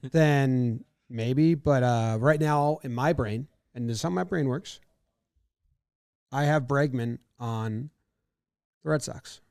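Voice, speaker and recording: Talking sports on a podcast he co-hosts, this man wanders off track, doubts himself, and acts out his own thoughts. He speaks slowly with frequent pauses in a mid-range, darkish, clean voice. It's studio quality with no echo.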